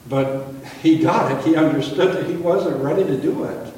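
A man preaching and leading a communion liturgy as pastor, in an earnest, measured way. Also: a little high, mellow. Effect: cathedral echo, voice ringing through a large hall. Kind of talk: sermon and spoken liturgy. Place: large church sanctuary, indoors. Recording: echoey hall, voice picked up from far off, faint background hum.

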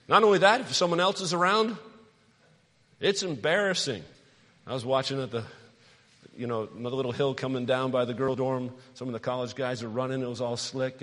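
Middle-aged guy preaching, tells stories and asks the crowd stuff, echoey church hall. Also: mid-range voice. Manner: animated storytelling, asks the congregation questions. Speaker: pastor. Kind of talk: sermon. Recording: long hall reverb.

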